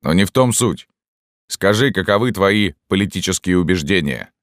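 A man's voice: sits low, animated, moderate pace, dry recording, studio quality, voice pushed up. A man reading an audiobook plays a stern, bearded army sergeant who asks curt, demanding questions. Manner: gruff, interrogating, curt. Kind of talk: audiobook narration.

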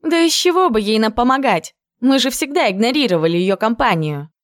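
A woman's voice: on the high side, lively intonation, dry recording, clean studio sound, pitched above the performer's own voice, lightly acted. A woman doing a lilting, gushy young girl. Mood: dismissive. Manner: lilting, exclaiming, drawn-out. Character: young redheaded girl, dreamy and gossipy.

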